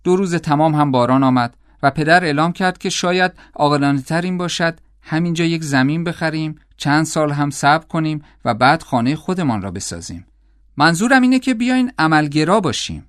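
Calm male audiobook narrator, dry sound. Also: on the high side, no echo. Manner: measured, calm storytelling.

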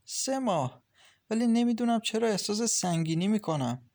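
A man playing a worried pregnant young woman in an audiobook, sad and hesitant, with a raised voice. She complains quietly about her troubles. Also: high voice, animated, voice pushed up. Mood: troubled. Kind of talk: audiobook character reading.

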